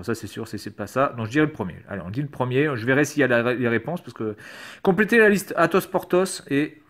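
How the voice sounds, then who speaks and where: This YouTuber has a mid-range, slightly bright male voice. In casual screen-recorded commentary he reads out quiz questions and answers them, sounding sarcastic and hesitant and swearing occasionally.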